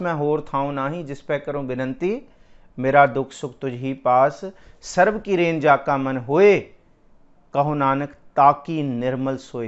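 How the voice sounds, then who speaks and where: A man giving a devotional sermon, explaining scripture and slowly chanting verses in a melodic voice. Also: fairly high pitch, muffled recording. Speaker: Sikh scripture preacher.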